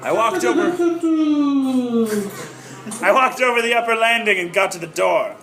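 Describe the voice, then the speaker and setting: A man's voice: sits high, expressive, moderate pace, vocal fry, bright, forceful tone, soft background music, heavily acted, poor audio. A man playing a wry, unflappable private eye who narrates his case in short, clipped noir sentences in an improvised audio drama. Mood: narrating.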